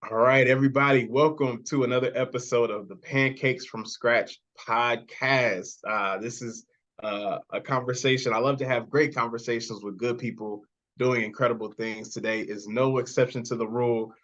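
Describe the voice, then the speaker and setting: An enthusiastic man hosts a podcast interview in a relaxed, chatty way. He greets his guests and cheers them on. The recording sounds a little dull and lo-fi. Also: mid-range voice, moderate pace. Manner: upbeat, enthusiastic, frequent praise. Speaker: podcast host. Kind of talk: casual interview chat.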